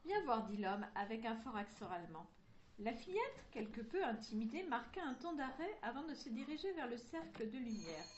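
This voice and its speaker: A woman's voice: a little high, very animated, moderate pace, dull audio, slight background noise. A woman reading a chapter of a children's novel aloud, voicing each character in turn, with occasional slips and restarts. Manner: reads all characters in one voice, with slips and restarts. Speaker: reader of a children's story.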